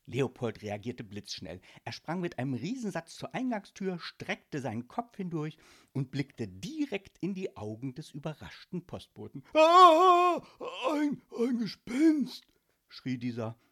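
A man narrating a children's audiobook in a playful, expressive way. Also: mid-range voice, moderate pace, breathy edge.

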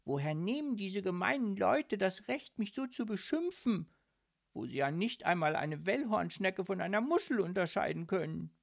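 A woman voicing a young female mussel in a children's audiobook, speaking in an indignant, whiny and expressive way. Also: on the high side, slow pace, creaky, hardly any pauses, heavily acted. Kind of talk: audiobook character voice.

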